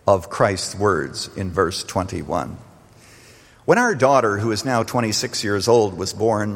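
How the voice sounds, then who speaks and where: An older man from Canada preaching a radio sermon as pastor, animated, swelling to emphatic peaks and dropping low. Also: big-room sound.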